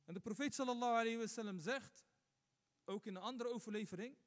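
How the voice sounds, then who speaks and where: A man's voice: very high-pitched, fast talker. A man giving a Friday sermon as imam, asking rhetorical questions and repeating points for emphasis. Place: mosque. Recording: long hall reverb.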